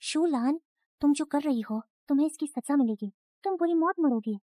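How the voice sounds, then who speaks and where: A woman doing a kidnapped young woman, high mellow voice, urgent pleading, dry studio sound. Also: normal speed, dry recording, natural voice. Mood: defiant. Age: young adult. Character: kidnapped young college woman, desperate and defiant. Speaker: dubbing actor. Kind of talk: Hindi drama dub.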